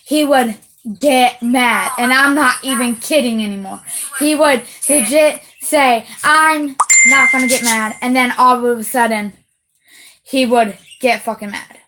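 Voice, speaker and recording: A woman's voice: a little high, unhurried, a bit bright, a little hiss or hum, low-quality recording. A woman venting on camera in a heated, repetitive rant, swearing and leaning hard on stressed words. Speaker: vlogger. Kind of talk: casual direct-to-camera rant.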